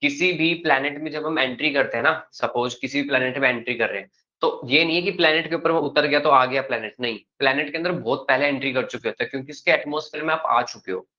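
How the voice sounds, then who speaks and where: A man teaching a classroom lecture, speaking calmly and without hurry and checking in with his students often. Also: medium pitch, fast, muffled recording.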